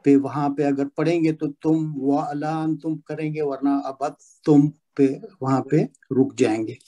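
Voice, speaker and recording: A man answering in an online recitation class, hesitant, with many pauses and fillers, over a video call. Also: on the high side, fairly even intonation, mellow. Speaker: student.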